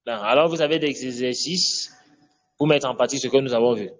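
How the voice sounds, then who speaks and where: A man teaching an Arabic grammar lesson in French, drilling vocabulary and often checking with "d'accord?". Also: mid-range voice. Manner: slow, drills Arabic words, repeats "d'accord?".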